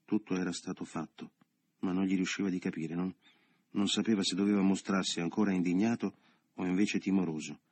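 A man narrating a literary novel as an audiobook in a measured, subdued reading style. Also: deep voice, fairly even intonation, darkish tone.

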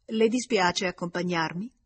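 Storybook figure: displeased young man, grumbling under his breath, read by a woman, husky. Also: on the low side, normal speed. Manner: grumbling, muttered inner thoughts. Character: worried, displeased young man counting costs.

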